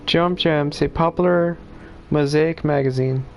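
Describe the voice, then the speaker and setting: A man's voice: a little high, fairly even intonation, unhurried, a little hiss or hum. A male streamer giving casual, laid-back gameplay commentary, laughing and cussing as he plays.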